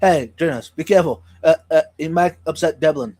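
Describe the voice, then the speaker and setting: A man chatting casually as a live stream co-host, halting and repeating words, his speech slightly impeded by a sore on his tongue. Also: fairly high pitch, a little mellow, dry recording.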